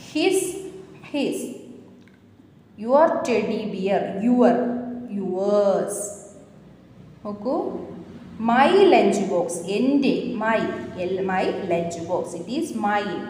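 A woman teacher, drilling young children through an English vocabulary and grammar lesson, reading English phrases slowly. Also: mid-range voice, a little mellow, very echoey, big-room sound, a little hiss or hum, low-quality recording. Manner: slow, sing-song drilling of words, English phrases read very slowly.

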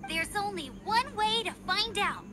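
A woman's voice: extremely high pitch, unhurried, over loud music. A woman voicing a perky, earnest young female scout in an anime-style video game dub. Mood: determined.

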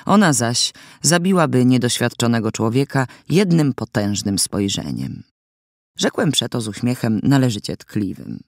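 A man's voice: medium pitch, big pitch swings, moderate pace, no room sound. A man narrating an audiobook in the first person, in a wry, mock-solemn storytelling manner, recorded in a studio.

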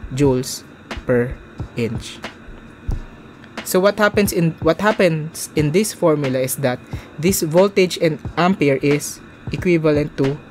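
A man's voice: on the high side, a little mellow. Young man explaining a welding formula. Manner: slow, step-by-step explaining. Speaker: welding instructor. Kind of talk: narrated whiteboard tutorial. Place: indoors, small room.

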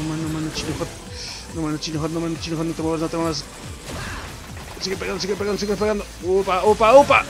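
A young gameplay streamer with a Mexican Spanish accent and a slightly high voice gives casual, excitable commentary, swearing and yelping at the game. Game music plays in the background.

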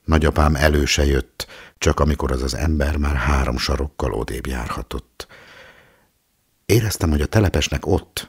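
A man giving a calm, measured literary reading of a story. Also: a bass voice, vocal fry, slightly rough. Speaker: audiobook reader.

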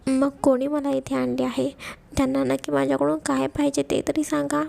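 A woman's voice: sits high, monotone, moderate pace, vocal fry, a little mellow. A woman voicing a frightened young woman held captive, tearful and begging to be let go, in an audio story. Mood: pleading. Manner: pleading, begging.

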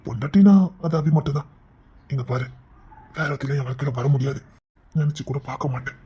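A man playing a brash young husband who blusters and then softly reassures his wife in an amateur audio drama. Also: mid-range voice, steady tone, lo-fi sound, slight background noise, close to an everyday voice. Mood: tender. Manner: fast, blustering, then soft and coaxing.

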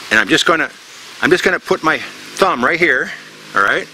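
Middle-aged outdoor instructor, bright edgy voice, casual step-by-step demo, faint background ambience. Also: male voice, a little high, expressive, moderate pace, a little hiss or hum. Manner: plain, step-by-step, repeats himself with fillers. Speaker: bushcraft instructor. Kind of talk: casual outdoor knot demonstration. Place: outdoors in tropical forest.

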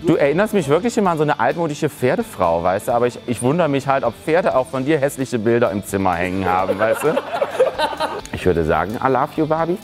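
A man's voice: mid-range voice, sing-song, quick pace. A man performing as a drag queen, delivering a catty comedic roast of fellow contestants with mocking, giggly jabs. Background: loud music.

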